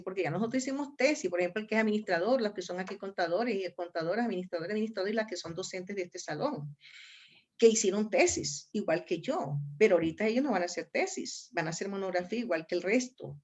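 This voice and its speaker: A woman with a Colombian accent, a law professor giving an online lecture, addressing her students directly and often repeating herself. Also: medium pitch. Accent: Colombian Spanish. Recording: dull lo-fi audio.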